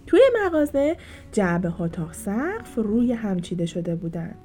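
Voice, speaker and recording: A woman storyteller reading a children's storybook aloud in a gentle, expressive, sing-song way. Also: medium pitch, soft background music.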